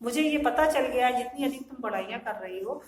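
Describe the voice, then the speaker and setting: A woman teacher giving a classroom lecture. She recites verse lines slowly and loudly, then explains them in plain speech with rhetorical questions to the class. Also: a little high, animated, roomy sound, low-quality recording. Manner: asks rhetorical checks of the listeners.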